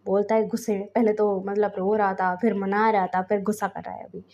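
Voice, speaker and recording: A woman's voice: mid-range voice, level tone, fairly quick, mellow. A woman retelling a fan fiction story in a chatty, conversational way. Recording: slightly dull lo-fi recording.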